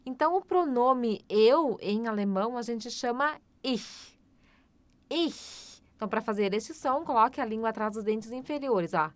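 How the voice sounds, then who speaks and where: A woman, teaching German in a slow, patient language lesson and repeating each phrase. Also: on the high side, expressive, no echo. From Brazil.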